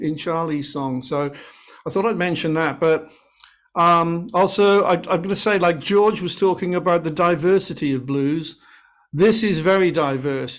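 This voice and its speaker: A man with a Welsh accent, a guest musician chatting enthusiastically on a podcast call, often restarting his sentences. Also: on the high side. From Wales. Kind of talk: casual video-call podcast chat.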